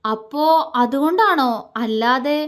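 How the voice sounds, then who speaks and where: Woman voicing a shy new bride, quiet and hesitant, high voice, romance audiobook. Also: lively intonation, unhurried. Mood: doubtful. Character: shy young bride, sensitive and easily hurt. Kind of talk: romantic story reading.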